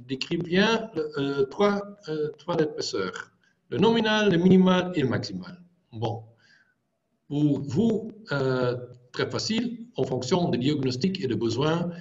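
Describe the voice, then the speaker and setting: Halting man with foreign accent, lo-fi audio. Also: mid-range voice. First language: not French. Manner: halting, filler-heavy non-native phrasing. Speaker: speaker at technical webinar. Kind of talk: technical presentation. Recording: dull lo-fi video call audio.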